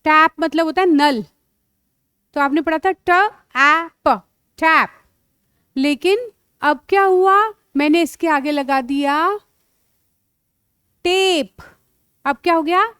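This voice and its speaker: Speaking slowly with long pauses, a woman with a high, slightly bright voice and an Indian accent teaches phonics to small children. She sounds words out letter by letter and calls the listeners "beta," all in clean studio sound with no room noise.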